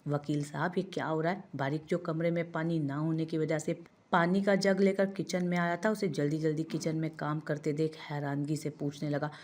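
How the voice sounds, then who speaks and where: A woman narrating a romantic novel in a steady, expressive storytelling voice. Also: low voice, moderate pace. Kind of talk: audio novel reading.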